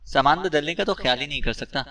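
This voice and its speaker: A man's voice: a little high, bright, forceful tone, far from the mic. A man voicing a loyal male assistant at headquarters who talks in an agreeable, slightly worried way. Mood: agreeing.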